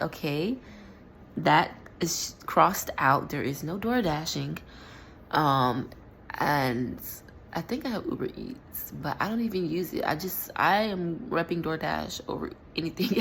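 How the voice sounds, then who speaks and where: Animated young woman telling a story. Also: creaky, a little hiss or hum. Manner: animated, slangy, laughs often, swings into high exclaiming. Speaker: vlogger. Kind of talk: casual storytelling vlog.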